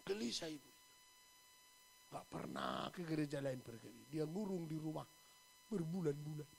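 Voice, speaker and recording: A male pastor preaching a sermon, telling stories dramatically and acting out the people in them with sudden loud bursts. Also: a little high, sing-song, moderate pace, creaky, a little hiss or hum. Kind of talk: sermon with storytelling. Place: church.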